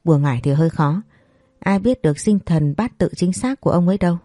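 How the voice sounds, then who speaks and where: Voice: mid-range voice, lively intonation, fast, mellow, dry recording, studio quality, lightly acted. The narrator voicing a stern older wife and mother who talks in a curt, bossy way. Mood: plain.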